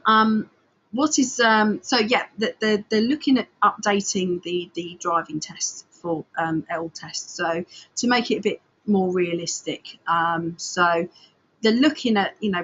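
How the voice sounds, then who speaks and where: Husky woman hosting, chair creaking, dull sound. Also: mid-range voice, measured pace, fairly bright tone. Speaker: host of a driving forum discussion. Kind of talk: informal discussion, explaining to listeners.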